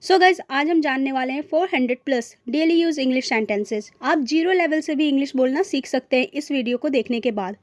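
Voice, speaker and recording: A young woman teaching an English lesson, reading each short phrase slowly and then repeating it. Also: sits high, no room sound, clean studio sound. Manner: slow, deliberate repetition of short phrases.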